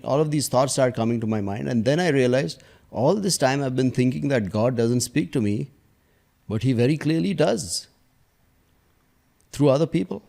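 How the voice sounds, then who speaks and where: A man, a podcast guest telling personal stories in a hesitant, reflective way that trails off into soft asides. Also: medium pitch, vocal fry. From India.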